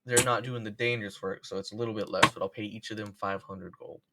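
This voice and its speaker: A man voicing a generous, commanding male ship captain who speaks loudly and declares things in a tabletop game. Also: on the low side, fairly even intonation, fast talker, noisy background, lightly acted. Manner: loud and declarative.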